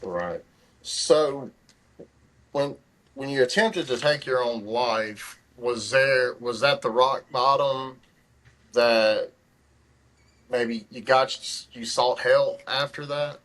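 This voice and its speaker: A man's voice: mid-range voice, slow pace, pauses often, a bit bright. Casual male podcast host. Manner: casual, encouraging questions. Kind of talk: conversational interview.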